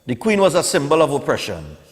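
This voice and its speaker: Speaking briskly with wildly swooping pitch, this slightly high-voiced man from Trinidad and Tobago is a morning television host in his forties. He chats and reviews the newspapers live, casual and opinionated, tagging points with "eh" and "you know." His voice echoes with a long, hall-like reverb.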